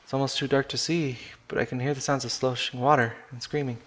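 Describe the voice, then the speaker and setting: A man narrating a first-person story in a live stream, his delivery casual and unpolished. He curses now and then and backs up to restart sentences, at a middle pitch for a man. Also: level tone, quick pace, a bit bright.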